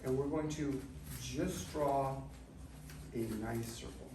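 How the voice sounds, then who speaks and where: A middle-aged man giving measured, technical step-by-step exercise instruction in short phrases. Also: medium pitch. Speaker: movement class instructor. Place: large indoor studio with treatment tables. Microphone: far camera microphone. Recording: distant mic, very echoey, noisy room.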